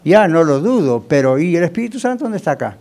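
A man's voice: fairly high pitch, big pitch swings, fast talker, darkish tone. A male pastor preaching a sermon in a conversational way, often asking the congregation rhetorical questions.

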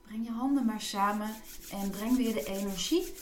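A woman guiding a body relaxation meditation, giving soothing, instructive cues with gentle repetition. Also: medium pitch, moderate pace, echoey room.

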